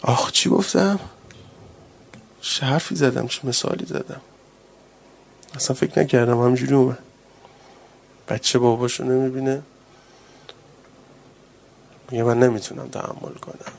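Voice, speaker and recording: A man preaching a sermon with great passion, rising to loud urgent cries and dropping to hushed, tender speech. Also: medium pitch, creaky, husky.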